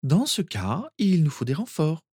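A woman's voice: sits low, big pitch swings, measured pace, a little mellow, slightly rough, no echo, clean studio sound, voice pushed up, heavily acted. A man voicing Hermione, a decisive young witch. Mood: determined. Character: sharp clever young witch, determined planner. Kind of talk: audiobook character reading.

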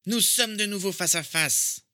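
A man voicing a cold, arrogant dark lord in a fan fiction reading, sneering and drawing out his words. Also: high-pitched, unhurried, voice pushed up, full character voice.

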